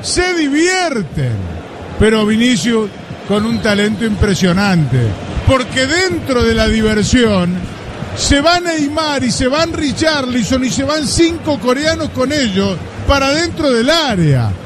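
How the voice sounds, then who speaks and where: A Uruguayan man analyses a football match on live radio in a very high, strained-up pitch. He is emphatic and repeats his phrases for effect. A crowd and clear noise sit behind him. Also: expressive, a little slow. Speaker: football pundit. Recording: noisy radio broadcast with stadium crowd.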